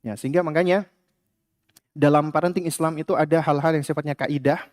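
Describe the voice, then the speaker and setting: A man's voice: on the high side, fairly even intonation, a little fast, darkish tone. A man giving a conversational religious lecture at a study gathering, often tagging his points with "ya". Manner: conversational, frequent filler "ya" and "apa". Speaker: Islamic religious teacher.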